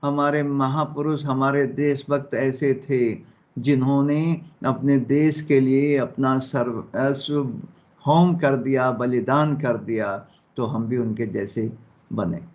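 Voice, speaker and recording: Slow-speaking male teacher, dull audio. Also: mid-range voice, fairly even intonation, a little mellow. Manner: slow, explanatory, checks in with students. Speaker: Hindi teacher. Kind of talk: classroom lesson explaining a story.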